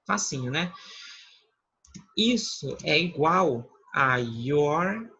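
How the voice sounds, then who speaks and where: A man with a Brazilian Portuguese accent, explaining English grammar in a slow, patient lesson and checking often that students follow. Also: fairly high pitch, bright, forceful tone, husky, muffled recording. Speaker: English teacher. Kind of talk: online class explanation.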